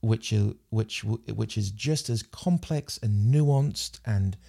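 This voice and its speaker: Speaking slowly in a lowish, gravelly and mellow voice, this New Zealand man chats as a podcast guest in a relaxed interview. He is thoughtful but often restarts his sentences and repeats words.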